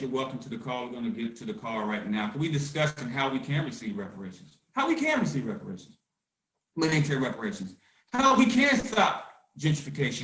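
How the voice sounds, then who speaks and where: A man hosting a conference call, talking with fire and swinging from shouting to hushed calm. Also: mid-range voice, far from the mic. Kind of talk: impassioned activist talk. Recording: roomy echo.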